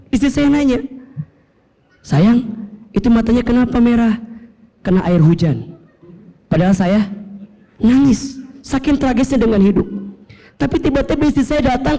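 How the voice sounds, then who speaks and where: Male preacher, high-pitched, mellow tone, emotional storytelling. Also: rough recording. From Bogor area, West Java. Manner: animated, emotional storytelling with self-mocking humor. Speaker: Islamic preacher. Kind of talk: storytelling sermon.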